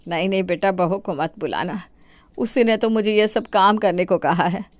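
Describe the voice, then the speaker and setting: A woman's voice: mid-range voice, normal speed, no room sound, close to an everyday voice. A woman voicing a scheming, melodramatic older mother-in-law who wails and complains theatrically in a cartoon. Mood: wailing.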